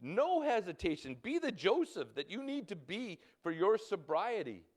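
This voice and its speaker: A man in his fifties with a Canadian accent, preaching a sermon in a halting way, repeating words and breaking into urgent calls to act. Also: high voice, sing-song. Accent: Canadian English. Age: 50s. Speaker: pastor.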